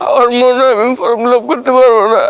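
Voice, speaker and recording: Tearful schoolboy, soft and sorrowful, very high pitch, background music. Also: male voice, little pitch movement, fast talker. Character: poor teenage student, tearful and pleading. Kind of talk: TV drama acting.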